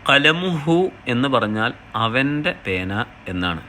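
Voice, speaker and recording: A man's voice: medium pitch, big pitch swings, slow pace, sharp tone, slight background noise. A man teaching a language lesson, reading each short phrase and then translating it, explaining step by step in a patient way. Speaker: Arabic teacher. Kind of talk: slow classroom explanation.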